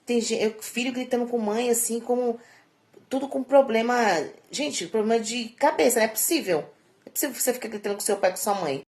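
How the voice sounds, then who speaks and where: A middle-aged woman speaks straight to her viewers in a casual vlog, with a gravelly, creaky edge to her voice. She talks in a chatty, preachy way and keeps tagging her sentences with little questioning asides. Her tone grows emphatic and scolding as she lectures. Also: on the high side, fast talker, a little mellow. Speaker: vlogger. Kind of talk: casual vlog monologue giving life advice.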